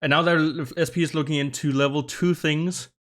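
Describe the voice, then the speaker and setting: Breathless, halting male game caster. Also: on the high side, fairly even intonation, fairly bright tone. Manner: halting, many restarts and laughs, chats with viewers. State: slightly out of breath. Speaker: esports commentator. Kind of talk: live stream game commentary.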